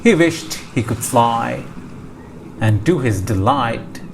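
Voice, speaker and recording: A man narrates a children's storybook very slowly, pausing between short phrases in a measured way. His mid-range voice has lively intonation, and ocean ambience effects play clearly in the background of this scripted read-aloud.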